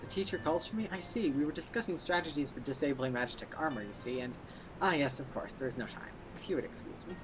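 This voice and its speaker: A man's voice: a little high, expressive, quick pace, over music, close to an everyday voice, low-quality recording. A man voicing an earnest, polite, eager young recruit from a video game.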